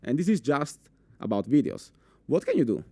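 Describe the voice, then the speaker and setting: In a dry recording, a young conference presenter with an Italian accent speaks at normal speed in a medium pitch. Facing a full room, he's lively, asks the audience questions, and often restarts or uses fillers.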